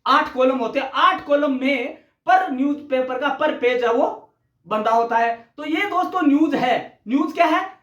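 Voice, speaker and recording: A man's voice: very high-pitched, measured pace, a bit bright. A male teacher giving a conversational recorded lecture, often addressing listeners as friends. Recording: echoey room.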